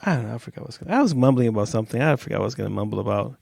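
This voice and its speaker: A man's voice: mid-range voice, expressive, racing, creaky, a little mellow, slightly rough, no room sound, clean studio sound. A man co-hosting a podcast in casual chat, rambling and losing his train of thought, sounding drowsy. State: drowsy from a warm stuffy room. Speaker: podcast co-host.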